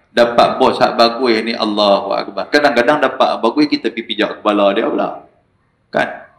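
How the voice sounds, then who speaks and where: A man with a northern Malaysian Malay accent giving an evening lecture in a small prayer hall, telling stories animatedly and swinging between low asides and raised exclamations. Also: fairly bright tone. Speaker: religious lecturer. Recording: echoey prayer hall recording.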